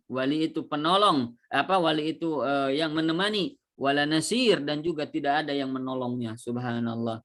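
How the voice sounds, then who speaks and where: A man giving a sermon who addresses his listeners directly, often exclaims in praise, and pauses to search for words. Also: medium pitch. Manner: repeats religious exclamations and addresses the audience directly. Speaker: Islamic preacher.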